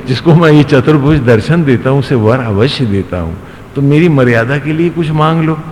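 A man voicing a calm, gentle male god in a sermon story, speaking slowly and solemnly in a gently instructive way, in an echoey hall. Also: medium pitch, natural voice. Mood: kind. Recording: echoey hall, faint background noise.

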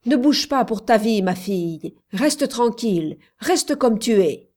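A woman's voice: fairly high pitch, animated, slow pace, a little mellow, voice pushed up. A woman voicing a brave grown male overseer who barks short commands in broken creole French. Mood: commanding.

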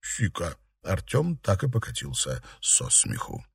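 A man's voice: on the low side, moderate pace, darkish tone, no room sound, studio quality. A man narrating an audiobook expressively, voicing all the characters himself. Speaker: audiobook reader.

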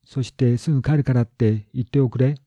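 A man voicing a mild, easygoing young male schoolteacher in a story, with gentle, unhurried speech. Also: medium pitch, steady tone, no echo, lightly acted. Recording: dull lo-fi recording.

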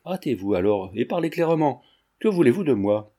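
A man's voice: medium pitch, very animated, fairly quick, mellow. A man reading the lines of a dignified aristocratic lady who answers coldly. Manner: cold and dignified.

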